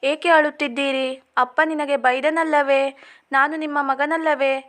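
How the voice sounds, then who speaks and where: A woman voicing a sweet small boy who gently and slowly comforts his mother. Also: sits high, level tone. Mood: tender.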